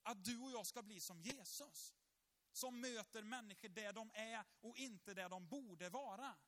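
A male pastor preaching, retelling a story vividly and checking that the congregation is following. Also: high-pitched. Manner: lively storytelling, asks the congregation along. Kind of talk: sermon.

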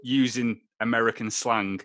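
A man's voice: mid-range voice, fairly even intonation, a little slow, a bit bright, no room sound. A young Scottish man hosting a podcast, chatting casually, rambling and swearing, laughing often. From Scotland. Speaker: podcast host. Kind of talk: casual chat.

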